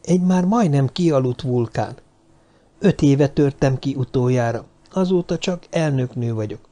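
A man's voice: mid-range voice, warm tone, close to an everyday voice. A man voicing a seductive, commanding middle-aged woman who speaks in a sultry whisper in an audiobook. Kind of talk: audiobook character voice.

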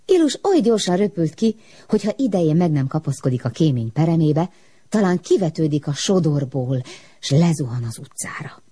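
A woman reading a children's story aloud in an expressive, animated manner. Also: low-pitched, husky.

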